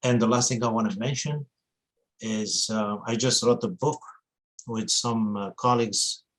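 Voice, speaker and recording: A man, a university international programs director giving hesitant webinar remarks full of filler pauses. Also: fairly low pitch, steady tone, fairly bright tone, poor audio. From Algeria.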